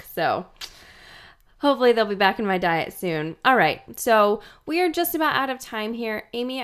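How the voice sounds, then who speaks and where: A woman hosting a podcast in a warm, chatty style, her voice groggy and froggy from a sore, swollen throat. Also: mid-range voice. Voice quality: gravelly, froggy. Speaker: podcast host.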